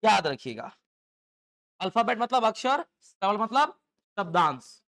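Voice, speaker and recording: A man's voice: high voice, unhurried. A man teaching English to exam aspirants in a live classroom lecture, constantly quizzing students with call-and-response questions. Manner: call-and-response questioning, lively rhetorical checks.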